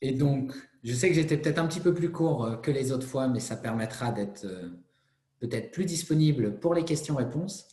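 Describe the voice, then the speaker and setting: A man gives a motivational talk in a mellow, relaxed voice. He speaks earnestly, comes back to the same phrases and sometimes restarts a word. The recording has a noticeably roomy echo. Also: medium pitch, moderate pace. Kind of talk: motivational presentation.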